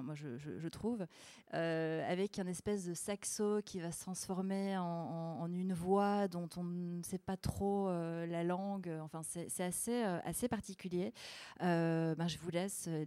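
A woman presents vinyl records in a casual, hesitant way. Her voice is low-ish and mellow, and she talks slowly. The sound is dry and close. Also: dry recording. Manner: halting, full of hesitations.

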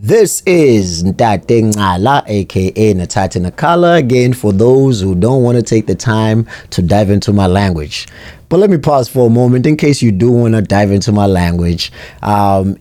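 A man hosting alone, talking in an unhurried, thoughtful and personal way. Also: on the low side, expressive, warm tone, dry recording. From South Africa. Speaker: podcast host. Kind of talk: reflective solo monologue.

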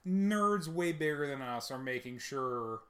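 A man co-hosting a podcast in casual chat, animated, often jumping into mocking voices to quote people. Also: mid-range voice, unhurried. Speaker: podcast co-host.

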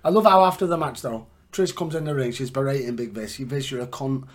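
A man's voice: mid-range voice, fast. Profane man chatting. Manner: profane, excitable. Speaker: podcast host. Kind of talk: casual chat.

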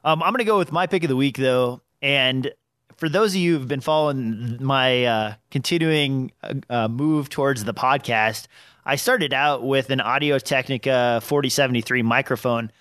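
Recorded dry in a small home studio, a man hosts a casual podcast through a dynamic mic on an arm, his slightly nasal voice medium-pitched, a bit bright and moderately paced. He meanders with plenty of fillers and restarts.

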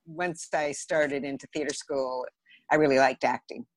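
Speaking in a very deep voice with fairly even intonation and moderate pace, an American-accented theater director from the Los Angeles area talks casually as an interview guest. There's no room sound on the recording.

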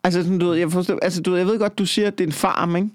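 A man's voice: high-pitched, steady tone, dry recording, studio quality. A man in casual chat, rambling and joking crudely with lots of filler tags.

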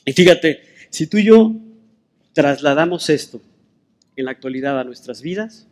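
Higher-voiced man preaching a sermon. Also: animated, moderate pace, darkish tone. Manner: conversational, rhetorical questions to listeners.

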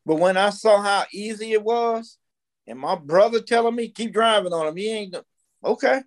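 This American man in his fifties, a podcast guest, speaks at normal speed in a high-pitched voice. Casual, blunt and opinionated, he tells stories in conversation and repeats things for emphasis.

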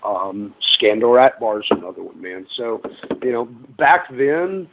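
A man's voice: mid-range voice, sing-song, a little slow, gravelly. Guy rambling thru a story on the radio, lots of ums, sounds like a phone line. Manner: rambling, many ums and restarts, chatty. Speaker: guest, pro wrestler. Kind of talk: casual radio interview storytelling.

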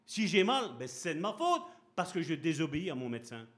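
A man preaching a lively, conversational sermon, acting out little scenes and asking his listeners questions. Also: fairly high pitch, fairly quick. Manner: animated, acts out little scenes and voices; conversational, asks the congregation questions.

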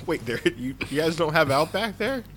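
A man co-hosting a podcast in casual banter, ribbing his friends with quick, incredulous remarks. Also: on the high side, very animated, background noise. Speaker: podcast co-host.

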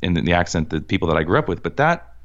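Male host, deep voice, earnest talker who restarts phrases, muffled recording. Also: big pitch swings, racing, a bit bright. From Cambridge, Massachusetts. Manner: earnest, many restarts, emphatic. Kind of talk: casual conversational interview. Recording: dull lo-fi sound.

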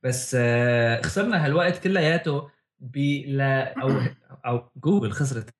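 A man's voice: mid-range voice, normal speed. A man with a Levantine Arabic accent co-hosting a casual tech chat, often repeating words as he searches for phrasing. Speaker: podcast co-host.

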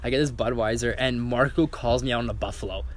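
A man's voice: medium pitch, fast talker, slight background noise. A young man telling a story in casual chat, acting out quotes and swearing freely. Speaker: guest storyteller.

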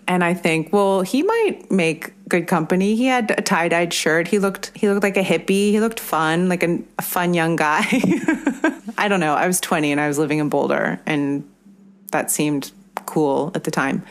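A woman telling a personal road-trip memory in a calm, reflective way. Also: fairly low pitch. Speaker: storyteller. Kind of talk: personal storytelling.

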